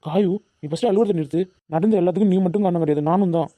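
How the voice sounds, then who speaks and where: An earnest young college student in a cartoon, voiced by a man, reassuring his friends in fast, quick talk. His voice is very dark and mellow, in a dry recording. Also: high-pitched, dry recording, close to an everyday voice. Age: young adult. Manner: reassuring, pleading. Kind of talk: animated cartoon dubbing.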